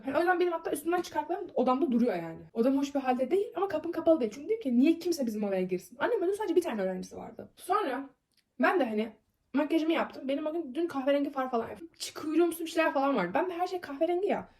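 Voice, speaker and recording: A woman's voice: sits high, a little mellow. A young woman telling a long personal story in a casual vlog, rambling with many fillers and sounding upset as she vents.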